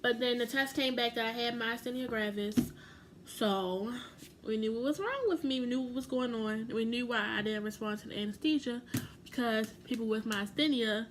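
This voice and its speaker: A woman's voice: on the high side, normal speed, noisy background. A young woman telling a personal story to camera in a chatty, rambling way, full of "like" and self-corrections. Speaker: vlogger.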